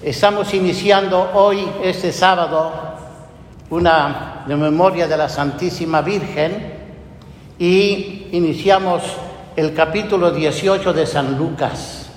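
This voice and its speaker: In an echoey church hall with a faint low rumble, a priest delivers his homily after the Gospel reading. His male voice moves slowly and earnestly, leaning on rhetorical questions.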